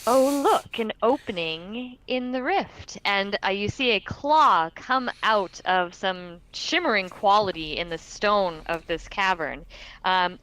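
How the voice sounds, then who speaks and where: A woman's voice: mid-range voice, bright, forceful tone, clear, resonant tone, rough recording. A woman narrating and ruling as dungeon master in a tabletop game, casual and chatty, swearing freely.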